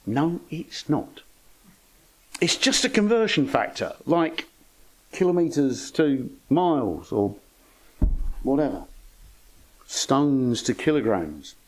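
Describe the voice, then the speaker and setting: A man's voice: medium pitch, big pitch swings, slow, pauses often, poor audio. An older man giving an informal lecture to an astronomy club, with dry, wry humour and chatty asides. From England.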